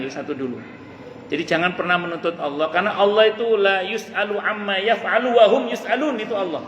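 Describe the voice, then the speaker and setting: Man, preacher; earnest, chatty sermon delivery, pitched slightly up, roomy mosque reverb with faint ambience. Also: a bit bright, slight background noise. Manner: earnest and conversational, asks and answers himself. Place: mosque hall. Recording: echoey mosque hall with long reverb.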